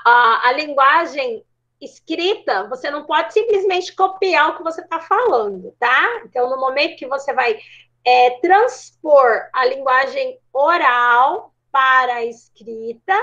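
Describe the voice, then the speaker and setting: A middle-aged Brazilian woman with a Brazilian Portuguese accent teaches an online class over a video call, explaining patiently and checking in with frequent tags. Her high, sharp voice comes through dull lo-fi call audio.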